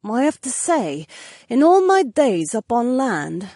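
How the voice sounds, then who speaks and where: Male narrator doing a young woman, raised pitch, breathy, firm and resolute, dry sound. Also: sing-song, slow pace, warm tone, dry recording, full character voice. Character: young sapphire-eyed wife from land, steely, determined.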